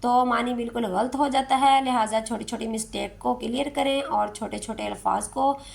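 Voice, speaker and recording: A woman, teaching Quran recitation step by step, explaining slowly and chanting verses drawn out. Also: a little high, steady tone, creaky.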